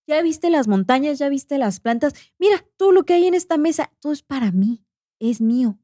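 Woman putting on a gentle grandfather spirit. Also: animated, moderate pace, no echo, studio quality. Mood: tender. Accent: Mexican. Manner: tender, reassuring, raised pitch. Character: loving elderly grandfather spirit in a dream.

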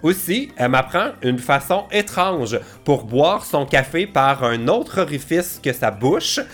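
Québécois male host, playful and jokey, voice swings widely in pitch, casual comedy chat. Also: expressive, unhurried, a bit bright. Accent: Québécois French. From Quebec, Canada. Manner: playful, laughs often.

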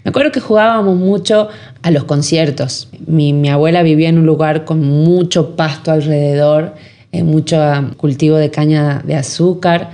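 A woman's voice: sits low, fairly even intonation, moderate pace, warm tone. A woman from Jujuy with a northern Argentine accent, a musician giving thoughtful interview answers and often searching for words. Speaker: musician guest.

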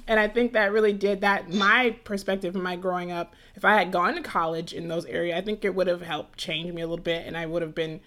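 The speaker is a young adult woman from Atlanta, USA, hosting a podcast with a lowish, level, slightly bright voice. She talks quickly with few pauses, rambling casually with frequent restarts and laughs.

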